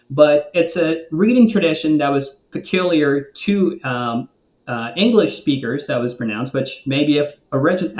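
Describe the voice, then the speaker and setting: A man who is a guest linguist, explaining thoughtfully in conversation with frequent ums and restarts. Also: medium pitch. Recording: roomy echo.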